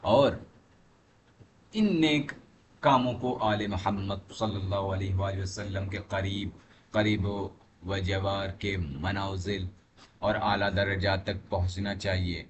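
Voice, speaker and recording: A man teaches a religious lesson, reading aloud and explaining in an emphatic, didactic way. His voice sits low with fairly even intonation and a slow pace, over a clearly noisy recording with background ambience.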